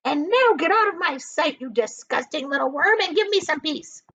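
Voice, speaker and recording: A woman voicing a skinny, vain, spiteful aunt from a storybook, with a shrill, snapping delivery. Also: lively intonation, moderate pace, pushed and bright, exaggerated voice.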